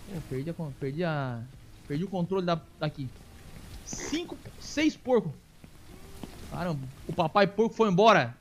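A man giving casual let's-play commentary, excitable, calling out to viewers and coaxing animals aloud. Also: a little high, a little fast, slight background noise. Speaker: gaming streamer.

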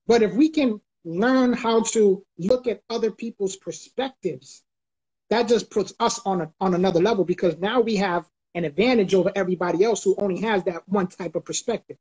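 Through a close webcam or phone on a live video call, a middle-aged Bronx man gives a forceful motivational speech as a guest. He repeats key lines preacher-style in a high, darkish, breathy voice, and the recording is low quality.

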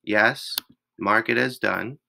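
A male teacher with a raspy voice, patiently walking students through an online classroom step by step. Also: on the low side, bright, forceful tone, poor audio. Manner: slow, patient step-by-step explaining. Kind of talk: screen-recorded class tutorial.

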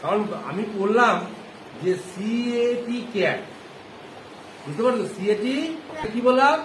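Speaking in a very high, animated and slightly bright voice, a primary school teacher leads his class through phonics, constantly questioning the pupils and stretching each answer out slowly. Echo fills the room, and background noise is clearly audible.

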